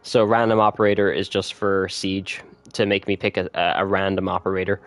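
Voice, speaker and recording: A man chatting casually with viewers on a gaming livestream, laid-back and quick to laugh. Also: sits low, dry recording. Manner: relaxed, chatty, laughs often, reads notes aloud. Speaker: streamer.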